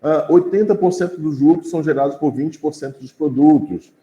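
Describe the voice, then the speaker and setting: Here a man with a Brazilian Portuguese accent runs a relaxed class, speaking in a brisk, mellow voice that sits on the high side. He keeps it conversational and often checks on his students, and the room gives the audio a noticeable echo.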